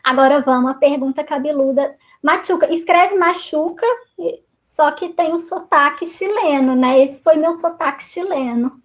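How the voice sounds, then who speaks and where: A woman teacher with a Brazilian Portuguese accent leads an online reading circle from home over a video call, picked up by her computer mic. Her high voice moves at a normal speed, and she chats through the class discussion with many fillers and restarts.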